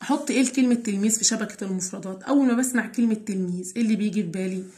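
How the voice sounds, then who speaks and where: A woman teacher with an Egyptian accent gives a recorded school lesson, breaking words into syllables slowly and answering her own questions. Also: mid-range voice, a little mellow. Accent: Egyptian Arabic. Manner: slow, drawn-out syllable-by-syllable spelling; asks questions and answers them herself. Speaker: primary school Arabic teacher.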